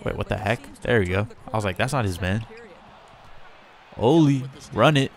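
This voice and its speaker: A man hosting a casual gameplay commentary, chatty and talking straight to his in-game players, with bursts of excitement. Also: lowish voice, normal speed, faint music behind. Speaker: gamer and channel host.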